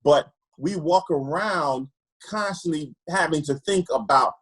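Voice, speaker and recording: A man from Trinidad, speaking as an optometrist guest, tells personal stories earnestly. His voice is somewhat husky and sits a little high for a man. He often stumbles over repeated words as he gathers his thoughts. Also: measured pace, a bit bright, poor audio. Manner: earnest, repeats words while searching for them. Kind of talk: candid personal storytelling.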